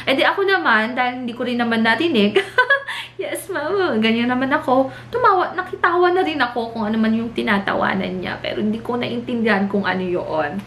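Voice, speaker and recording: A young woman from the Philippines chats through a casual vlog story with a Filipino accent, slipping between Tagalog and English. Her voice sits a little high and she laughs often. Faint room ambience hums behind her. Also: lively intonation, fairly quick, a bit bright, roomy sound, slight background noise. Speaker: vlogger.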